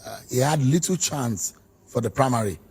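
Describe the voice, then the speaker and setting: A man's voice: mid-range voice, lively intonation, normal speed, darkish tone, slightly rough. A man hosting a political interview, pressing his guest with probing, challenging questions.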